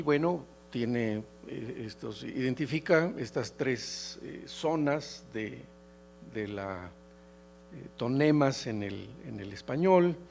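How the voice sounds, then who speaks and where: A middle-aged man from León with a Mexican Spanish accent, giving a halting academic lecture full of hesitations and restarts. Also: medium pitch, vocal fry, darkish tone, a little hiss or hum. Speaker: keynote lecturer.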